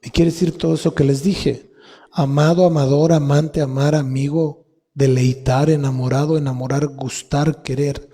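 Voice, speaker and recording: A man with a Mexican Spanish accent preaching a sermon as pastor, teaching slowly and spelling out word roots with repetition. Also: on the high side, level tone, warm tone, husky. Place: church hall. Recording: long reverb of a church hall.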